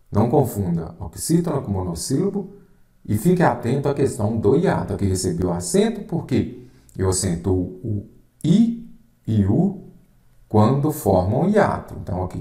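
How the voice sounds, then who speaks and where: Brazilian male tutor, lowish voice, insistent, roomy echo. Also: big pitch swings, moderate pace, dark tone. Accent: Brazilian Portuguese. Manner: emphatic, repeats "correto?" and "anote aí". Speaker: Portuguese teacher. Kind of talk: exam-prep lesson.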